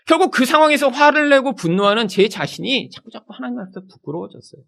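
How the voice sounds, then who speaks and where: A man's voice: extremely high pitch, quick pace, creaky. A middle-aged man preaching a sermon in a church as pastor, acting out the people he quotes. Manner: animated, acts out quoted people in his preaching.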